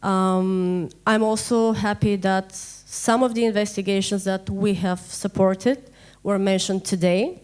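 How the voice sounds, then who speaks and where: A woman speaking for a funding program on a panel, measured and modest. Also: mid-range voice, fairly even intonation, darkish tone, smooth. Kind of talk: panel discussion remarks.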